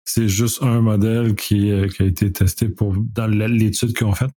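A man with a Quebec French accent co-hosting a casual chat, feeling his way through his sentences a little haltingly. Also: lowish voice, level tone, dark tone, no room sound. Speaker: podcast co-host.

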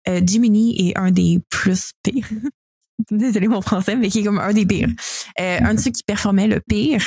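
A woman's voice: medium pitch, gravelly, dark tone, husky, no room sound. A woman with a Quebec French accent hosting a casual news discussion, informally mixing English words into her French. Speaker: podcast host; teacher.

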